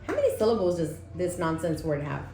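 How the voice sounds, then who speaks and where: A woman's voice: fairly low pitch, huge pitch swings, a little fast, warm tone, faint music behind. A woman teacher giving a demonstration reading lesson, patiently checking in with her class as she goes. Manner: patient, checks in often with "okay?". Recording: echoey room, faint ambience.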